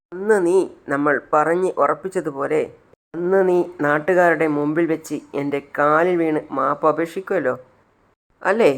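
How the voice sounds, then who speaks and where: Brief: emotional middle-aged mother, proud and earnest, read by a man, slightly high. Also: close to an everyday voice. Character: long-suffering determined middle-aged mother.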